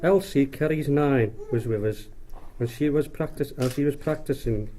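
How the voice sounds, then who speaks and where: A man's voice: medium pitch, normal speed, dark tone. A middle-aged man giving a rambling, jokey wedding speech as father of the bride, often repeating and restarting his phrases.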